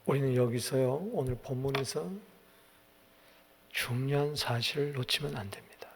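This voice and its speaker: Husky gravelly pastor in a reverberant church. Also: male voice, medium pitch, normal speed. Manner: animated storytelling, acts out quotes. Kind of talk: early-morning sermon. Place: church sanctuary. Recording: long hall reverb.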